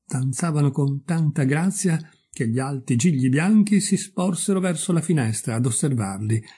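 A man narrating a classic fairy tale in an unhurried, expressive storybook style. His voice is mellow and dark, with a slightly husky grain. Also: fairly high pitch. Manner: calm, measured, expressive reading. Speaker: audiobook reader.

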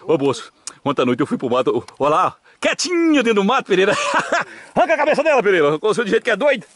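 A man with a Brazilian caipira country accent giving casual, excited, jokey fishing commentary outdoors from behind a handheld camera. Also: sits high, racing, no room sound. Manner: animated, jokey, exclamatory. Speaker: vlog host and cameraman. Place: open hillside pasture by ponds, outdoors.

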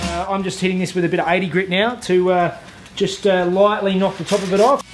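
Using a lapel mic, a man in his thirties with an Australian accent walks through a car body repair in his garage workshop, combining hands-on tutorial and voice-over. He has a high voice, talks a little fast, and faint music plays behind. A DIY host, he's relaxed, practical, self-deprecating, and heavy on "uh" fillers.

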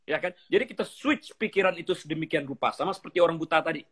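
A man's voice: a little high, fast talker, a crowd in the background. A middle-aged man, a pastor, teaching in conversation, telling stories animatedly and acting out dialogues, with English phrases mixed in.

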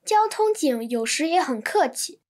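High-voiced woman reading translations. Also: sing-song, moderate pace, darkish tone. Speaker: Chinese translation reader. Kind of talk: scripted textbook translation reading.

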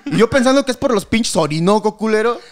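Man, Mexican accent, high voice, casual interview guest, animated storyteller, acts out quotes. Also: quick pace, crowd noise. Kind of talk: casual comedic interview talk.

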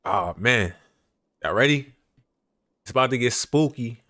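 A young man streaming a horror game, talking in a relaxed, slangy hype style and repeating his phrases. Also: mid-range voice, measured pace, no room sound, clean studio sound. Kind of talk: casual live gameplay commentary.

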